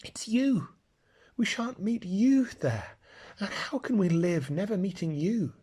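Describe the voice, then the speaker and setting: A man voicing an eager young girl in a storybook reading, speaking up high and pleading. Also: very animated, slow, mellow, slightly rough, exaggerated voice. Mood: sobbing. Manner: pleading, higher, breathless.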